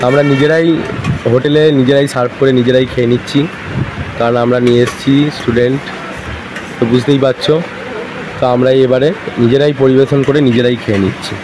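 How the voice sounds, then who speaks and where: Male travel vlogger, weary and chatty, recorded in a roomy space with steady background noise. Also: medium pitch, brisk. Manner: chatty, talks straight to viewers. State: tired. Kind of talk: casual travel vlog talk. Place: hotel and beach town, indoors and out.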